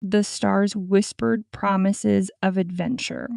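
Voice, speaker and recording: Woman as a young storybook dreamer, slow and clear, slightly gravelly, dry close sound. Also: mid-range voice, little pitch movement, a little mellow, no room sound. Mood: calm. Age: 20s. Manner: slow, clear, each sentence said twice. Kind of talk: scripted story for repeat-after practice.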